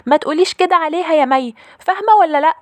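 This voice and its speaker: A woman voicing a stubborn, defensive young girl in a high, childish voice. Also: fast talker, no echo, lightly acted. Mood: shouting angrily. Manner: high childish pleading, bursting into shouts.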